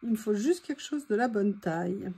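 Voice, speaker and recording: Hosting a craft video, a woman chats and muses aloud in a warm, expressive mid-range voice at normal speed. Her voice is beginning to fail, prompting some throat clearing. Faint noise sits in the background.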